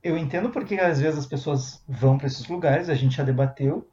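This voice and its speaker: A man's voice: a little high, a little fast, warm tone, reverberant, highs cut off. A man from Brazil chatting casually as a podcast co-host, telling a story with many restarts and tag questions. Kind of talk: casual chat.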